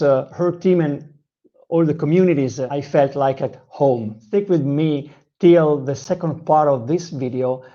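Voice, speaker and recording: The audio is dull as a man with a highish, mellow voice earnestly shares his personal story of learning English as a second language in a video narration. His speech is halting, packed with fillers and restarts.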